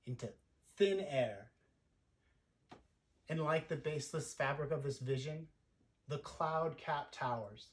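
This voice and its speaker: Prospero, a troubled old sorcerer, played by a man. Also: on the high side. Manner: declaiming, with big swells and hushed fades. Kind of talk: classical stage monologue.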